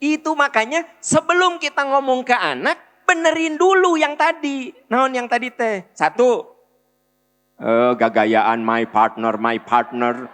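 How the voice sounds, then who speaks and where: Animated Sundanese-accented male preacher, hall reverb. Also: unhurried. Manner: animated, acts out family dialogues with shifting pitch. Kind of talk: sermon.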